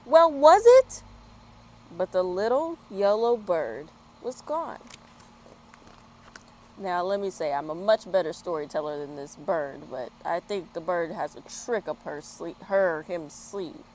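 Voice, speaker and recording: Her fairly low, slightly mellow voice moves with lively intonation and no hurry as she reads to children and chats with them outdoors in a yard. She's an American woman hosting story time, and the low-quality recording from a small external microphone carries road work, traffic and outdoor background sound.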